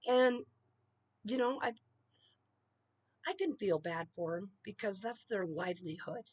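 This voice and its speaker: Middle-aged woman ranting to camera, punchy, lots of "okay?", dry close mic, mid pitch. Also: lively intonation, measured pace, darkish tone, no room sound. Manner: emphatic, peppered with "okay?" and "you know". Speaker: political commentator. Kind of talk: opinionated solo rant.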